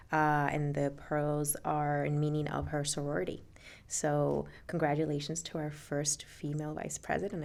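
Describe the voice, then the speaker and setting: A woman from Colombia who works as a realtor, talking relaxed and conversational as a podcast guest. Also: low voice, vocal fry. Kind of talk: podcast interview.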